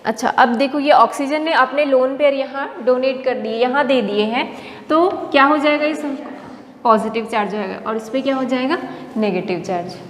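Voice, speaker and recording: High-pitched lady teacher walking through a lesson, echoey hall, a bit of hiss. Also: normal speed, a bit bright. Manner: explains step by step, asks questions and answers them herself. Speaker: chemistry teacher. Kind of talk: classroom lecture. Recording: long reverb, faint background noise.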